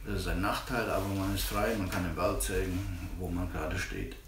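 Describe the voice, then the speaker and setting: A man in his fifties from Germany with a German accent, calmly explaining his sawmill work in a casual interview. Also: deep voice, fairly quick, noisy background. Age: 50s. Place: living room by a tiled stove. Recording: roomy and distant.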